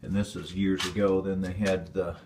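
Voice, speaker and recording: A man with a very low voice walks through his dark stone basement. He films on a handheld phone and talks in a plainspoken, rambling way. The sound echoes in the basement room, with a faint hum behind him. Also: flat delivery, moderate pace. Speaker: homeowner giving a basement tour. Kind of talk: casual walkthrough narration. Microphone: handheld phone camera.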